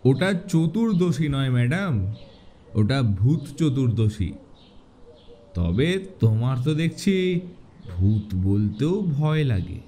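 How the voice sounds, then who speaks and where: A teasing young friend, slow and mellow. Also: male voice, medium pitch, sing-song. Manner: teasing, playful.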